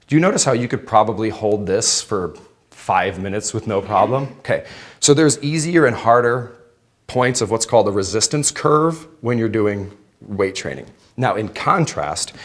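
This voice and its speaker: A man giving a live exercise demonstration as an instructor, explaining in an informal, conversational way to participants. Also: mid-range voice. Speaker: fitness instructor. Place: indoor aerobics room with exercise bikes. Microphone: worn clip-on or headset mic.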